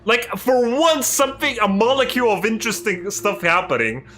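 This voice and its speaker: A man streaming a video game, ranting and swearing in exasperated, loud commentary about the story. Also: high voice, lively intonation, fairly quick. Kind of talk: live gameplay commentary.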